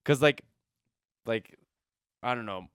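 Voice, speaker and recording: A man hosts a reaction video, speaking as a singer about vocal technique in casual commentary on a singing performance, rambling enthusiastically, repeating himself, and using many fillers. His medium-pitched voice is slow and clean, recorded at studio quality with no room sound.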